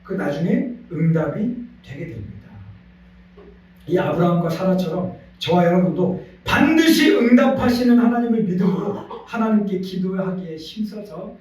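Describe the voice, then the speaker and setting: Male pastor, animated storytelling sermon, high tenor voice; recorded at a distance in a reverberant church. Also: moderate pace. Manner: animated storytelling preacher, leads congregation in call-and-response. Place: church sanctuary. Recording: echoey church hall, voice from a distance.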